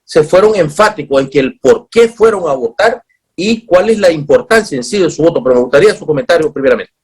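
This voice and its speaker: A man's voice: on the high side, expressive, fairly quick, a little mellow, breathy edge. A man hosting a TV talk show, formal and emphatic, often restarting his phrases. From Nicaragua.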